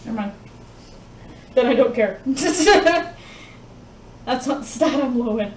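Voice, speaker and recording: A woman at a board game table who briskly calls turns and questions the rules. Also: a little high, warm tone, far from the mic, a little hiss or hum. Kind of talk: casual game-table chat. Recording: roomy room, set back from the mic.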